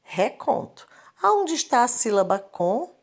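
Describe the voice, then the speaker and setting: A woman's voice: fairly high pitch, sing-song, takes it slowly. A woman, teaching a recorded literacy lesson and patiently repeating each point. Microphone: screen recording, device mic.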